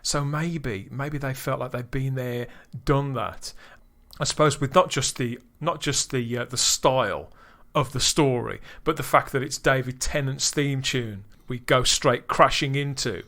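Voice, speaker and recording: A man hosts a podcast, chatting casually through a review with enthusiasm and frequent restarts. His sharp-toned, mid-range voice moves a little slowly.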